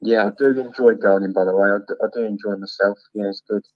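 A laid-back man rambles on a mobile call whose signal keeps breaking up. His voice sits low and dry, muffled by the dull, lo-fi phone line. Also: steady tone, quick pace, dry recording. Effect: phone line with patchy signal breaking up. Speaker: guest calling in, gardener. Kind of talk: casual chat.

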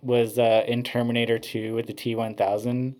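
A man's voice: mid-range voice, flat delivery, moderate pace, a crowd in the background. Rambling man in casual chat. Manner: rambling, heavy use of "like" fillers.

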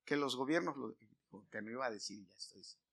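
A male pastor preaching a sermon to his congregation. He asks the listeners questions and swings from loud emphatic lines to quiet asides. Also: medium pitch, animated, quick pace, vocal fry. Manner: asks the congregation questions, sings snatches of a hymn.

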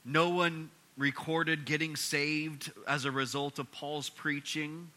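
Bright-voiced man preaching a sermon. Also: a little high, slow. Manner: conversational, many restarts, animated retelling. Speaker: pastor. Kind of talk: expository sermon.

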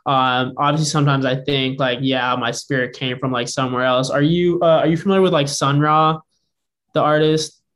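A man's voice: mid-range voice, fairly even intonation, normal speed, a bit bright. A man from the Bay Area, hosting a casual podcast chat, laid-back and slangy with many likes. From San Francisco Bay Area. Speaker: podcast host.

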